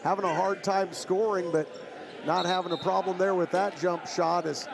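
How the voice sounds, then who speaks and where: A male color analyst talks through a live basketball game in a conversational, opinionated way. His voice is high for a man and has a gravelly creak. A clear arena crowd is behind him. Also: steady tone, moderate pace. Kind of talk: live sports commentary.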